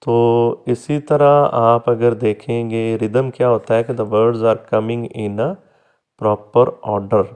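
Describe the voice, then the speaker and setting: A man teaching a recorded lecture, patiently explaining step by step, repeating example words slowly and fondly addressing his students as "beta". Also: mid-range voice, fairly even intonation, darkish tone, clear, resonant tone.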